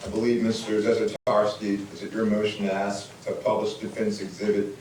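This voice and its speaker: A man's voice: on the low side, completely flat delivery, darkish tone. A man as a judge on an echoey courtroom recording. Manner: measured, formal, procedural. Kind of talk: formal courtroom proceedings. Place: large courtroom. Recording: echoey courtroom audio from far off, faint room noise.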